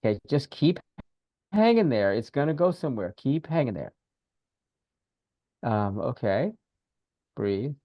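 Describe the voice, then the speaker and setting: A man speaks in a middle-pitched voice, animated and repetitive, as he guides someone through breathing and noticing feelings. His audio sounds dry and a bit muffled, like a remote call with no room around it. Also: unhurried, pauses often, no echo. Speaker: podcast co-host, spiritual teacher. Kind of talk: casual podcast conversation.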